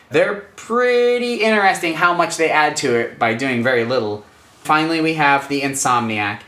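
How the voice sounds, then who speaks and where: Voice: mid-range voice, a bit bright. A game host casually explaining the rules of a game to the group. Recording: roomy, echoey room sound.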